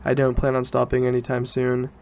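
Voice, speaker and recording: Talking informally on his own podcast, a teen or young adult student rambles and keeps correcting himself. He speaks briskly and monotonously in a mid-range voice that's gravelly yet a little mellow.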